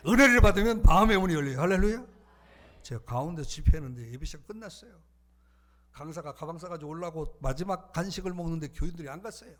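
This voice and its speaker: A male pastor delivers an animated sermon, his voice sitting a little high for a man and swinging widely in pitch. He moves from loud, rousing calls to quiet, almost whispered asides.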